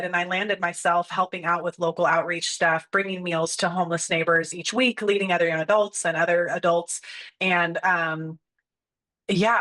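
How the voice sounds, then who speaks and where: A woman's voice: lowish voice, fairly bright tone. A woman in her thirties from California, an outreach director talking in a casual podcast chat, chatty and upbeat with lots of fillers. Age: 30s.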